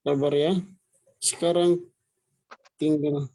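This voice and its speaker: Man, pastor, choppy glitchy connection, breaking-up audio, mellow voice, slightly higher pitch. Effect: choppy, breaking-up audio from a poor internet connection. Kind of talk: answering a question in an online Bible study. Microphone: video call.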